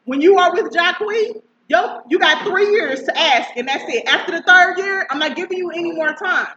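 Woman, 30s, barbershop guest, emphatic, laughing, high bright voice. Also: expressive, normal speed. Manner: emphatic, laughing while arguing. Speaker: panel guest. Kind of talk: casual barbershop debate. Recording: echoey, muffled, faint hiss.

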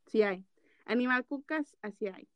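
A woman's voice: a little high, moderate pace, no room sound, lo-fi sound. A young woman with a Venezuelan accent, chatting casually and insisting her answers count in a word game.

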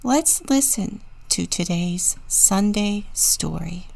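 A woman deacon giving a children's sermon and reading a storybook in a gentle, deliberate way. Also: medium pitch, lively intonation, creaky.

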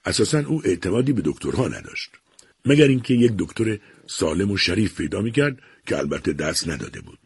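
Husky, animated male storyteller. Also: low voice. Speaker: narrator. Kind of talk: storybook narration.

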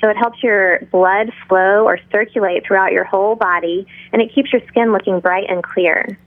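A middle-aged woman speaking in a calm, measured, instructional manner, like a yoga teacher guiding a class. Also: medium pitch, no echo. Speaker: yoga instructor, interview guest. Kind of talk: interview talk with guided breathing and pose instruction. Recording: tinny narrow phone-like line.

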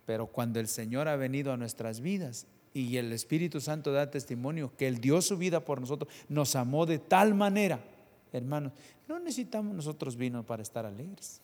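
A male preacher speaking at an ordinary middle pitch, delivering a sermon in a hall with a long, trailing reverb. He keeps asking his congregation rhetorical questions. His volume swings between quiet, low stretches and loud, raised ones. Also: animated, fairly quick.

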